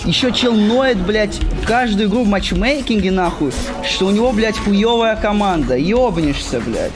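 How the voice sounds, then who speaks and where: A man's voice: high voice, expressive, moderate pace. A man raging as a gamer, exasperated and swearing as he complains. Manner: raging, exasperated, foul-mouthed. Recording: music over game stream voice.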